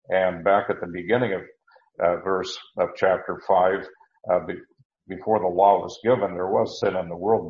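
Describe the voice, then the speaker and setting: A man teaching verse by verse through a Bible passage, unhurried, with many fillers and restarts. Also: deep voice, darkish tone. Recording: roomy, dull lo-fi recording.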